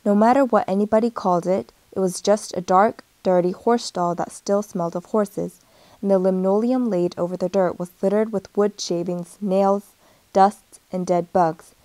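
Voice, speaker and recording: Gentle woman reading a storybook, dry. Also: mid-range voice, fairly even intonation, moderate pace, no room sound. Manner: gentle storytelling, lifts her voice for the characters. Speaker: storybook reader. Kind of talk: picture book read-aloud.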